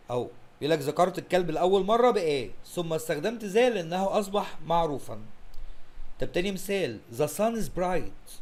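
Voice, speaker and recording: Egyptian-accented male tutor, slightly high voice, explains step by step and repeats the key points. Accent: Egyptian Arabic. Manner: poses students' questions himself and answers them. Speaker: English teacher. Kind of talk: exam-prep lesson explanation.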